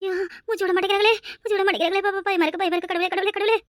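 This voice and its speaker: A woman's voice: extremely high pitch, fast, bright, forceful tone, no room sound, studio quality. A woman voicing a frantic young daughter-in-law in a cartoon, wailing and accusing. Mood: panicked. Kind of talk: cartoon voice acting.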